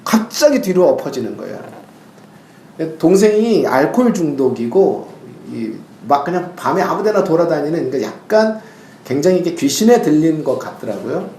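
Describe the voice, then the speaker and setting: A male pastor preaching a sermon, telling stories in an animated way and now and then crying out loud. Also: on the high side, moderate pace, reverberant, slight background noise. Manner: animated storytelling, bursts into loud acted cries.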